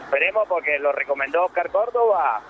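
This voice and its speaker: A man from Colombia, a football fan, giving short, relaxed answers in a live interview. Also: a little high, brisk. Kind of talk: casual street interview. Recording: tinny phone-line feed with noise.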